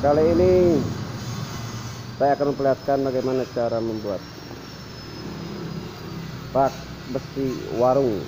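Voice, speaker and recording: A man talks through his metalwork plainly and methodically, listing sizes and materials one after another. His voice sits at an ordinary middle pitch. A heavy wash of noise runs underneath him the whole time. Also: steady tone, a little slow, long pauses. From Indonesia. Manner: plain, explaining measurements step by step. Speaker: workshop owner showing his work. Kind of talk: casual narration over workshop footage. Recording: loud background noise.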